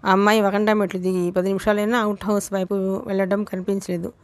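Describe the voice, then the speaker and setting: A woman reading a novel aloud as an audiobook narrator, in a steady, measured storytelling manner. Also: mid-range voice, dry recording.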